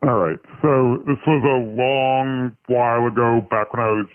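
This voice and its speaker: A man calls in over a thin, tinny phone line, his voice run through a voice changer that disguises it. He tells his story in a halting, casual way, often restarting his sentences. His pitch sits in the middle range. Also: steady tone, no room sound. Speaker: caller.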